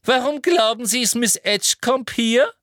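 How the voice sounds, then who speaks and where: A man's voice: animated, moderate pace, a bit bright, no room sound, studio quality. A man voicing a simpering, cruel female official with a toad-like smile in an audiobook reading. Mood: sugary. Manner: sugary and shrill, turning furious.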